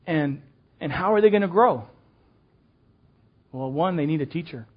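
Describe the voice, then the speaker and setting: A man's voice: a little high, expressive, normal speed, breathy edge, dull audio. An older man teaching a children's ministry class in a casual, folksy way, full of fillers and restarts.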